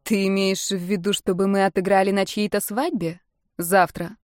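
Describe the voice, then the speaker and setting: Woman voicing a straight-talking young woman, crisp, teasing, dry close audiobook sound. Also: mid-range voice, level tone, moderate pace, no room sound, natural voice. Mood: blunt. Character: direct, sharp-witted young woman, mocking.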